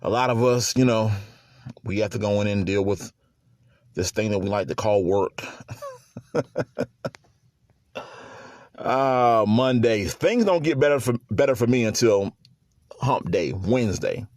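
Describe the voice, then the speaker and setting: A man's voice: lowish voice, expressive, a little slow, long pauses, darkish tone, dry recording, clean studio sound. A man hosting his own sports podcast in a casual solo chat, easygoing and prone to chuckles and repeated words.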